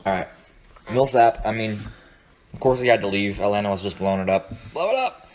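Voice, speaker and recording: A man's voice: lowish voice, steady tone, fairly quick, darkish tone, a little hiss or hum. A man co-hosting a podcast, chatting loosely about basketball with plenty of fillers. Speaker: podcast co-host. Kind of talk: casual sports chat.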